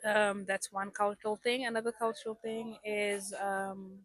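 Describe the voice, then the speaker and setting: A woman's voice: mid-range voice, little pitch movement, measured pace, fairly bright tone, no room sound. A young woman, a guest raised in South Africa with English as her first language, chatting casually in an interview with many ums and restarts.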